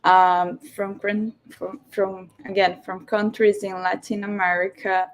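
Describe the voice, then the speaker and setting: Slow-talking woman hosting a video session. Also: medium pitch, flat delivery. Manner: slow, welcoming, with frequent fillers. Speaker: host of an online information session. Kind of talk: hosting a virtual info session. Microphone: video call.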